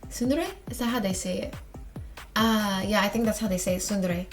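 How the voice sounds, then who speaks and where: A young woman hosting a let's play of a dating game, chatty and excitable, often talking straight to the characters. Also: mid-range voice, brisk, soft background music. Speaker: gaming channel host.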